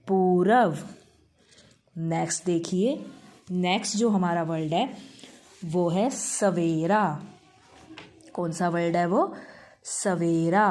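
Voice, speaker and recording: A primary school teacher, a woman, takes young pupils through a vocabulary lesson at a very unhurried pace. Her voice sits low and mellow, and she stretches every word so the children can follow. She talks patiently and slips English words into her Hindi. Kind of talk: online class lesson.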